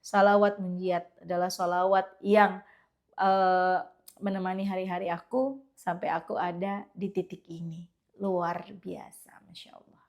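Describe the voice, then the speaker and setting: A young woman giving a casual, animated religious pep talk to her viewers. She often slips into quiet quoted prayers. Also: lowish voice, a little slow. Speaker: religious content creator.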